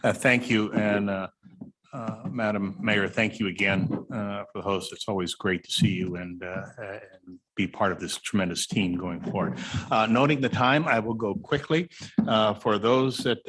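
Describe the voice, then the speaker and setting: Male agency director, lowish voice, walks through slides with lots of uhs. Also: fairly bright tone, breathy edge. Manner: halting, with many uh fillers. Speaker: highway district director presenting. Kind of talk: slide presentation at a public meeting. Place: city hall meeting room.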